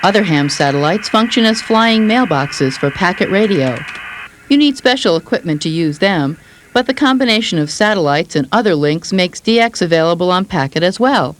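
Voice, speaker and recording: A woman reading scripted instructional narration with an even, informative delivery. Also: on the low side, normal speed, a little hiss or hum.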